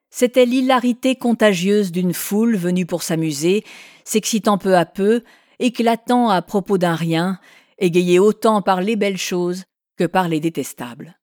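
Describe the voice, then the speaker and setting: A woman narrating a classic novel in a measured, expressive reading. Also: medium pitch, dry recording, studio quality. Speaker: audiobook narrator.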